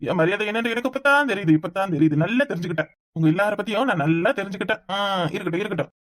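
A man's voice: high voice, rapid-fire, dry recording, clean studio sound, natural voice. Man voicing a self-pitying drunk young man. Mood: aggrieved. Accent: Kanyakumari Tamil. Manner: complaining, self-pitying rant. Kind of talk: cartoon voice acting.

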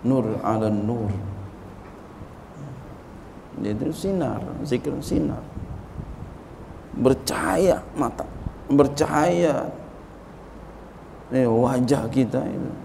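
A middle-aged man with an Indonesian accent, preaching slowly and emotionally from a religious text, repeating lines and chanting short prayers. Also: medium pitch, expressive, creaky, dark tone, a little hiss or hum, poor audio. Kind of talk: religious study sermon.

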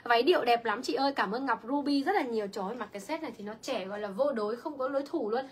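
A woman's voice: a little high, rapid-fire, slight background noise. A young woman selling clothes on a livestream, chatty and reading viewer comments aloud. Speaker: online clothing seller. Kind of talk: livestream sales pitch.

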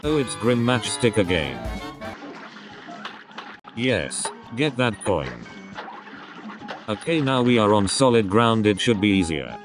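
A male text-to-speech voice reading casual let's play commentary, with an even machine delivery. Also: lowish voice, slow pace, pauses often. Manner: evenly paced machine reading of casual gaming banter. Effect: text-to-speech synthetic voice. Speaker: gaming channel host. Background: video game music.

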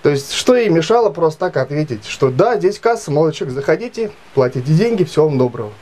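A man in his late thirties telling a grievance story to camera in a halting, filler-heavy way. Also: fairly high pitch, big pitch swings, a little mellow. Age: 30s. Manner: halting, many fillers and restarts, aggrieved retelling. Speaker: vlogger. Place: small indoor room.

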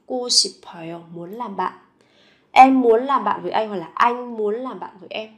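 Woman teaching Korean phrases slowly. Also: a little high. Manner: slow, careful repetition of each phrase. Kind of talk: language lesson, repeating phrases and explaining.

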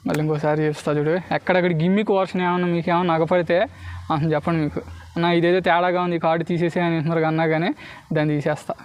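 A man's voice: fairly high pitch, flat delivery, quick pace. A man with a Telugu accent giving street performer patter for a card trick, mixing in English words and constantly checking that spectators follow. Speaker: street magician.

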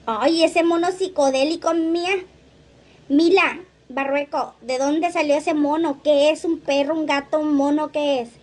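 Livestream host, woman, high voice, gossipy and playful. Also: steady tone, measured pace. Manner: chatty, laughs often, reads comments aloud. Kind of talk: casual livestream chat reading comments.

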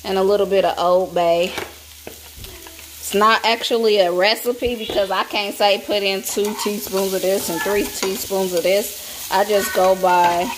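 A woman's voice: medium pitch, noisy background. A woman, chatting casually to viewers while she cooks in her home kitchen, filmed on a phone held close. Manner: relaxed, chatty, talks to viewers as y'all. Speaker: home cook vlogger. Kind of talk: casual cook-with-me chat. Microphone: phone camera held close.

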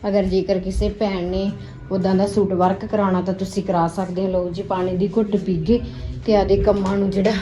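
A woman's voice: mid-range voice, mellow. A woman chatting casually in a home vlog, giving a running commentary on her household chores. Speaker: family vlogger and mother. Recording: noisy home recording with clicks.

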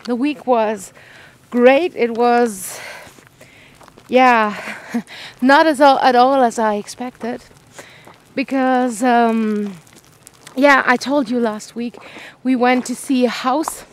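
A woman filming herself on an outdoor evening walk, with a light voice that sits fairly high. She speaks slowly and thoughtfully, stopping and restarting as she finds her words. She has a mild cold, sounds tired, and is a little winded from walking with the handheld camera. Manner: gentle, reflective, many pauses and restarts. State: slightly out of breath from walking. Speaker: vlogger. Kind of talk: casual vlog while walking.

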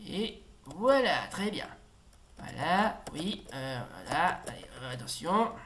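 A man's voice: a little high, very animated, takes it slowly, fairly bright tone, a little hiss or hum. A man casually commenting while he plays a retro video game, rambling with many fillers and repeated exclamations.

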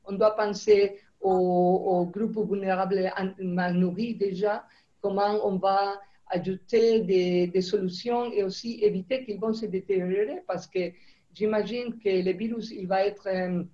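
A middle-aged woman with a foreign accent in French, not her native language, giving a halting briefing answer over a lo-fi video call. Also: medium pitch, steady tone, dark tone. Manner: halting, searching for words in non-native French. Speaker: food security official on a briefing panel. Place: indoor room, on a video call. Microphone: video call microphone.

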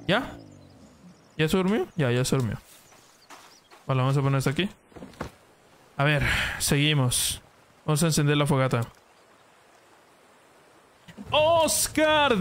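A man's voice: on the high side, fairly bright tone, slight background noise. A young man streaming a video game live, chatting casually, yelping at setbacks and greeting viewers by name. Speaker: gaming streamer. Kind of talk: casual live gameplay commentary.

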